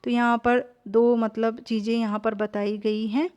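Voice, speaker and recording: A woman, teaching a poem and explaining its meaning line by line, with frequent pauses and fillers. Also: a little high, level tone, a little mellow, clean tone. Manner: slow, hesitant explaining with fillers, mixing English terms into Hindi. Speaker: English literature teacher.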